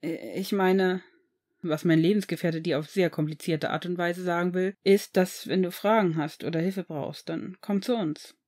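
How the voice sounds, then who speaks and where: A woman's voice: fairly low pitch, fairly even intonation, normal speed, a little mellow, close to an everyday voice. A woman reading the lines of a tall, friendly young man who is a little awkward and rambles when explaining.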